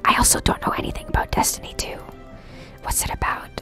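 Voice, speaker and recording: On a casual ASMR gaming live stream, a woman whispers breathily and chattily to her viewers. She talks fast, and her voice sounds pushed and bright. Clear background music plays behind the whispering.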